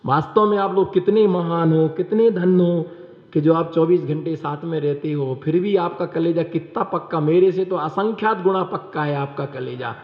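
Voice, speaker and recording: Man, monk preacher, high voice, quizzes his listeners, echoey hall. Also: normal speed. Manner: rhetorical questions to the audience, repeats phrases. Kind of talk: sermon with storytelling. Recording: echoey hall, dull sound.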